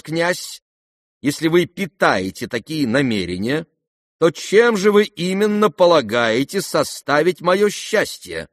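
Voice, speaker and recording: A man's voice: a little high, fairly bright tone, no room sound, clean studio sound, pitched above the performer's own voice. A man voicing a headstrong, proud young noblewoman in an audiobook who talks with cool sarcasm.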